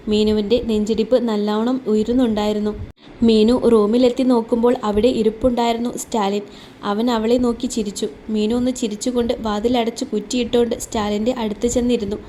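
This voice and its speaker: A woman's voice: on the high side, warm tone, a little hiss or hum. A woman storyteller narrating a romance story, reading every character in her own voice.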